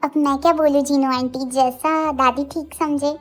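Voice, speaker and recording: A sweet, shy young woman who speaks softly and politely, played by a woman narrator. Her voice is very high, with soft music beneath the storybook. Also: fairly even intonation, normal speed, natural voice.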